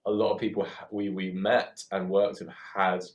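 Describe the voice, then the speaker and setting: This low, flat voice belongs to a man in his twenties who has a southern English accent; he's from the UK but was born in Hong Kong. He works in theatre and co-produces photoshoots, and here he chats reflectively at a normal pace, hesitant and thoughtful, often rephrasing himself. The recording sounds lo-fi.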